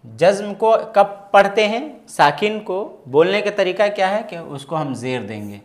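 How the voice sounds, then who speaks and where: A man teaching an Arabic grammar lesson step by step, patiently asking questions and answering them himself, and reading example phrases slowly and carefully. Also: high-pitched, big pitch swings. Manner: explains patiently, asks and answers his own questions.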